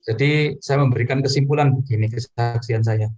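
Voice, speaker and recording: A man's voice: fairly even intonation, brisk, darkish tone, soft background music. A man preaching in a personal testimony, telling his story earnestly to the congregation and addressing them directly. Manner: earnest storytelling with sudden pitch rises.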